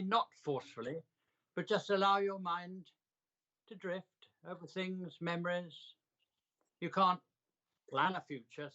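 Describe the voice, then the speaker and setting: Bright, forceful older man reminiscing. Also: high-pitched, dull audio. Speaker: interviewee recounting a hospital stay. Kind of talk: reflective personal storytelling in an interview.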